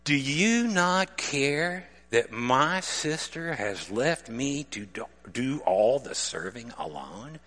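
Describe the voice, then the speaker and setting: Preacher guy doing overworked martha griping, bright and swoopy, big echoey hall. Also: medium pitch, animated, slow pace, hardly any pauses. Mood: exasperated. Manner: complaining, exasperated. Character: harried, frustrated woman host stuck doing all the work.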